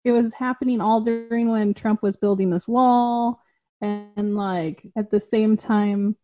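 A woman's voice: medium pitch, steady tone, unhurried, warm tone, dull audio, faint music behind. A woman guest in a casual conversation, speaking heartfelt and earnest, with lots of "like". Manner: heartfelt, earnest, says "like" often.

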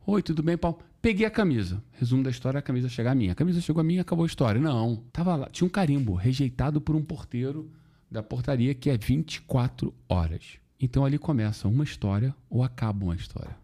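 A man's voice: mid-range voice, rapid-fire, hardly any pauses. A man telling stories in a casual podcast chat, full of slang and swearing, acting out quoted voices. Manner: animated storytelling with slang and swearing.

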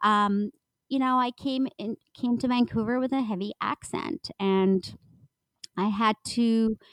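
A woman's voice: fairly high pitch, steady tone, a little slow, no room sound, poor audio. A middle-aged woman from India, telling her story in a reflective, casual conversation with fillers. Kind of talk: casual chat.

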